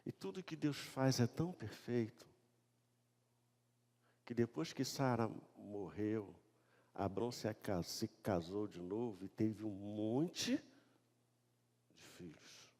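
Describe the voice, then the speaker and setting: A man with a Brazilian Portuguese accent preaching a sermon as a pastor. He reads scripture loudly, then tells the story in a casual, joking tone. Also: fairly low pitch, slow, long pauses. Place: church sanctuary. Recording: long church reverb.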